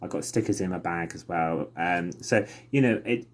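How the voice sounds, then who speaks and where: A man's voice: deep voice, normal speed. A man giving an informal, earnest video message, speaking a little hesitantly. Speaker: podcaster and awareness campaigner.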